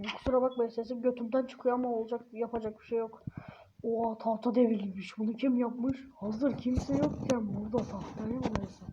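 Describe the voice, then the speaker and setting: Female gamer, high voice, jokey and jumpy, curses freely, whispers at times; dull, hissy home mic. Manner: joking, jumpy, swears a lot, drops into whispers. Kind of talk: casual let's-play commentary.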